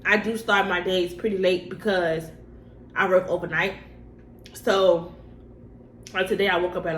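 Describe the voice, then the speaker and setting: A young woman talks casually to her viewers in an informal, slangy way, often repeating phrases for emphasis. Her voice sits at an average female pitch. The room is noticeably echoey, with faint noise behind her. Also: a bit bright. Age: young adult. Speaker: vlogger answering personal questions. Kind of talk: casual mukbang chat to camera.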